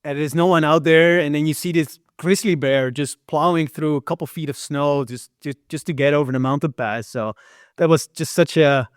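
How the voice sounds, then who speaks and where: The studio-quality, dry recording captures a clear, resonant, fairly high male voice at normal speed. He is a Dutch filmmaker and hiker with a partly American-tinged accent, telling stories as a casual interview guest and leaning on fillers and repeated words.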